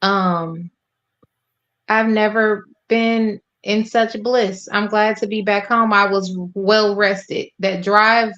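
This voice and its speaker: A woman chats as a guest, her voice coming through a frozen video call with dull, muffled sound. She talks very slowly and easily. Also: mid-range voice, fairly even intonation, fairly bright tone. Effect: lo-fi video call audio with a frozen screen. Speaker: guest on an online talk show. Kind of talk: casual chat.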